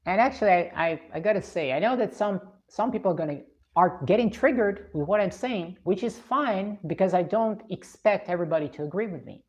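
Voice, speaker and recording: A woman's voice: mid-range voice, lively intonation, brisk, darkish tone, highs cut off. A woman from Russia, live streaming, reading viewer comments and giving blunt, opinionated views.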